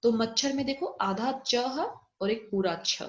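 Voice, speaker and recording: A woman teacher with an Indian accent walks pupils through vocabulary, giving English meanings and asking if it is clear. Her voice sits a little high. The recording is roomy and dull, like a home lesson. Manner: explains slowly, mixing English glosses, checks "clear?". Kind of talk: recorded online Hindi lesson.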